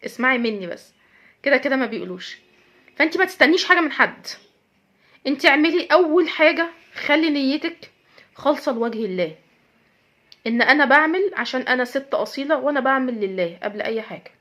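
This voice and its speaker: Emphatic Egyptian woman giving fast advice. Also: high-pitched, expressive, sharp tone. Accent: Egyptian Arabic. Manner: earnest, emphatic, lecturing with repeated phrases. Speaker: host giving advice to women. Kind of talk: direct-address advice talk.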